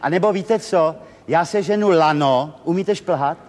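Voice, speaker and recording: A man's voice: fairly high pitch, a little mellow, natural voice. A man playing a fussy, chatty compere in a stage comedy sketch, telling jokes. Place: theatre stage before an audience. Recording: reverberant hall with faint noise.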